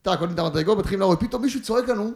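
A man chatting as a podcast guest, telling lively stories and acting out the shouts and voices of people in them. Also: high-pitched, gravelly. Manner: animated, acts out shouts and voices in his stories. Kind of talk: casual storytelling chat. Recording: echoey room.

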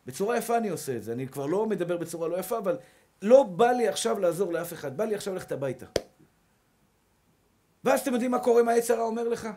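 A male rabbi preaching a sermon with a notably high voice. He speaks emphatically and builds energy through repeated rallying calls. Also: expressive, warm tone.

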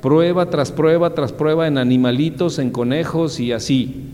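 A man preaching a sermon, asking his listeners questions and answering them himself, swinging between loud high exclamations and low quiet asides. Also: fairly even intonation, normal speed. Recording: long reverb, faint background ambience.

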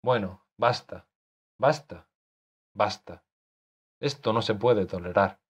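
Man doing a low, husky irritable author who scolds sharply; dull lo-fi audiobook sound. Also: slow pace. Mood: indignant. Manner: exasperated, scolding. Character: irritable older male author scolding his creation. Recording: dull lo-fi recording.

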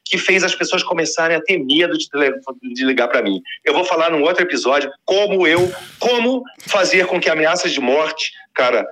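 A man telling a long personal story in a casual, slangy way, acting out the voices of the people in it. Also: fairly high pitch. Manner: animated, slangy, acts out quoted voices.

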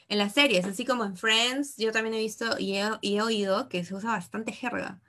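A woman's voice: medium pitch, brisk, a bit bright. A woman guest teacher explaining English phrases and giving their translations.

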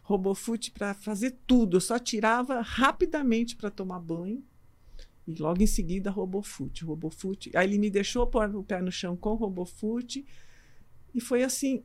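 A woman's voice: medium pitch, darkish tone. A middle-aged Brazilian woman, a doctor and runner, chatting as an interview guest and telling a personal story with quoted dialogue. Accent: Brazilian Portuguese. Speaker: physician guest, amateur runner.

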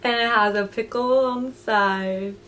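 A young woman co-hosting a casual podcast, retelling a book plot in an animated, chatty way. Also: fairly high pitch, measured pace. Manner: chatty, animated storyteller who acts out quotes. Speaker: podcast co-host.

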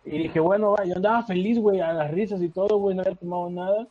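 A man's voice: high-pitched, steady tone, fast talker. Slangy Mexican guy, dull lo-fi sound. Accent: Mexican Spanish. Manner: slangy, says "güey" constantly. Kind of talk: casual chat. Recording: dull lo-fi call audio.

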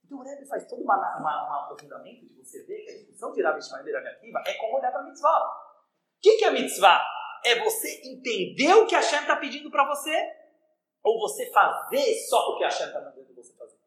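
Fast, animated rabbi teaching. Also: male voice, very high voice. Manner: animated, questions the listeners. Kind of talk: lively religious lesson. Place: room with a live audience. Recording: echoey room.

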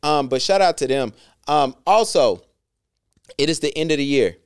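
A man co-hosting a podcast in casual chat, laid-back with lots of slang and shout-outs. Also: fairly high pitch, lively intonation, moderate pace, smooth, no room sound, studio quality. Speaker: podcast co-host.

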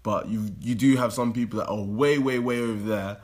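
A young man in a casual debate, explaining his view in a halting, informal way. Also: lowish voice, fairly even intonation.

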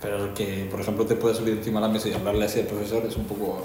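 A man's voice: lowish voice, level tone, rapid-fire. A young man co-hosting a podcast, telling stories and joking in casual chat, with occasional laughs. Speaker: podcast co-host. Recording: very echoey room, faint background hiss.

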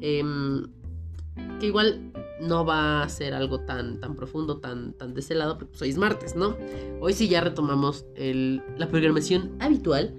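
A woman's voice: deep voice, expressive, a little slow, over music. Rambling Mexican woman with a cold. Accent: Mexican Spanish. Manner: rambling, playful, self-mocking. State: has a cold, sore throat. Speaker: podcast host. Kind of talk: casual solo podcast chat.

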